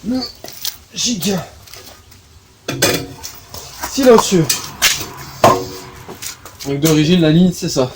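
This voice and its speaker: A man films his car in a garage on a handheld phone, talking casually and stopping often with fillers. The recording carries a clear hiss of background noise. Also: fairly high pitch, expressive, drawn-out words, long pauses. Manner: chatty, hesitant with many fillers, pointing things out. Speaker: car enthusiast showing his car.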